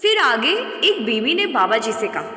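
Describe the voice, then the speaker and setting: A woman's voice: a little high, sing-song, normal speed, sharp tone. Reverent woman narrator in an echoing room. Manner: reverent, polite, ends phrases with respectful ji. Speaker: narrator of devotional stories. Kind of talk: scripted devotional narration. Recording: roomy recording with long reverb.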